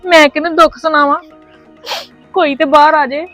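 A woman playing a shrill scolding mother-in-law. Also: steady tone, moderate pace, fairly bright tone, faint music behind, low-quality recording. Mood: bitter. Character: scolding quarrelsome mother-in-law, shut out of the house. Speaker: actor. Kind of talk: village family drama acting.

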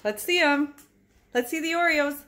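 A woman's voice: high voice, normal speed, bright, forceful tone. Encouraging woman narrating from behind the camera. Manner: encouraging, repeats praise between steps. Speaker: parent filming a child's cooking video. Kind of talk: off-camera narration of a home cooking video. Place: home kitchen, indoors.

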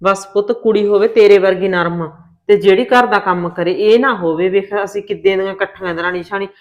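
An actress playing a calm, motherly aunt with a Punjabi accent, giving advice. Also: mid-range voice, brisk, muffled recording, natural voice. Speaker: older aunt in a family drama. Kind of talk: Punjabi short film acting.

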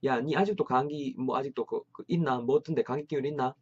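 A man's voice: medium pitch, quick pace, a little mellow, slightly rough, lightly acted. A man plays a concerned pal who nags a friend about a cold in blunt, joking dialect. The voice sits in a middle register. The recording is a little dull and lo-fi. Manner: blunt friendly dialect banter mixed with English. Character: casual male friend, concerned and teasing. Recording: slightly dull lo-fi sound.

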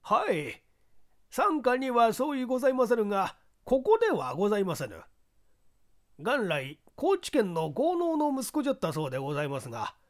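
A man's voice: extremely high pitch, huge pitch swings, moderate pace, pitched above the performer's own voice, full character voice. Man doing a stiff, deferential police sergeant. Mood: respectful. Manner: stiffly formal, polite report. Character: grey-bearded male police sergeant, deferential.

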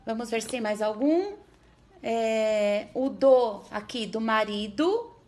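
A woman with a Brazilian Portuguese accent teaching a remote literacy lesson to first graders, speaking slowly and patiently, sounding out syllables and checking in with the children often. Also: on the high side, animated, darkish tone. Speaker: primary school teacher.

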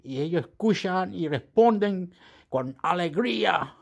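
A man's voice: high voice, expressive, unhurried, vocal fry. A man with a Chilean accent vlogging in a casual, rambling monologue, repeating himself and swearing casually. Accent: Chilean Spanish.

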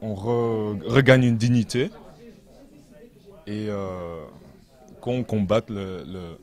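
A young man giving earnest interview answers, measured and pausing to find his words, into a handheld mic in a large indoor hall. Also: fairly low pitch, steady tone. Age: young adult. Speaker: interview guest, activist.

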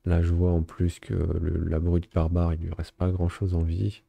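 Deep gravelly man gaming. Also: moderate pace, dry recording. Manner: relaxed, thinking aloud with many fillers. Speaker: gaming video host. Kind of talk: casual let's play commentary.

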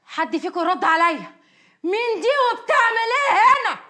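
A woman's voice: extremely high pitch, animated, a little fast, bright, forceful tone, full character voice. An actress playing a worried wife and mother who demands to know what is happening, in Egyptian Arabic. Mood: alarmed. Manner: alarmed, demanding answers. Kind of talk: film drama acting.

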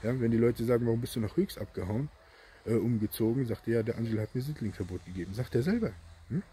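A man delivering a rambling, emphatic monologue straight to his viewers, tagging his sentences with quick questions. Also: mid-range voice, animated, dark tone, a little hiss or hum. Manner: emphatic, rambling, constant "ja?" tags. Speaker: online commentator.

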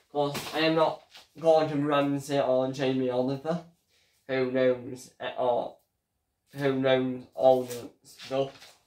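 A young man hosting a casual home cooking vlog, chatty and halting as he talks while cooking in a small kitchen. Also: mid-range voice, darkish tone. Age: young adult. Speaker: home cooking show host. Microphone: fixed camera across the room. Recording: echoey kitchen, voice from far off.

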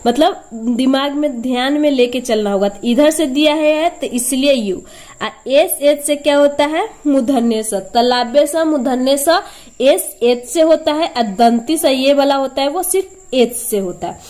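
Woman teacher going slow thru a spelling lesson, high voice, keeps repeating sounds and asking herself questions. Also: darkish tone. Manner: patient, repeats each sound, asks and answers her own questions.

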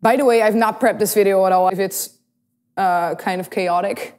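Speaking at a normal pace in a mid-range voice, this young Netherlands-born woman hosts and sings on YouTube. She sits before a blue backdrop in a small studio, talking to camera into a desk-mounted condenser mic, giggling and bubbly as she spins lively stories, though the audio sounds like a large hall.

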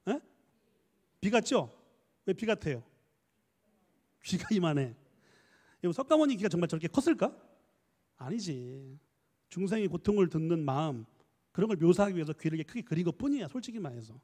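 A man giving a lively church lecture on counseling, coaxing the audience to read aloud and answer, switching between polite and casual speech. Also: sits high, in a large hall. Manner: mixes polite and casual speech, quick asides. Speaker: professor leading a church training lecture.

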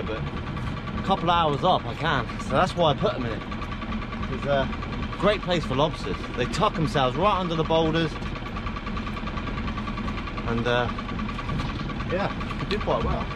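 A man, perhaps in his thirties, giving casual, exclamatory vlog commentary while working on a small open fishing boat. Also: a little high. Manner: exclamatory, talks while hauling gear. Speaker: small-boat crab and lobster fisherman. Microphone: camera mounted in the boat, few metres away. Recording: loud engine and outdoor boat noise.

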